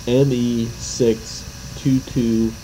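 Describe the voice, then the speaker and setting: A man's voice: mid-range voice, flat delivery, extremely slow, background noise. A man reading a formal studio announcement, heard on an old 1950s studio disc recording.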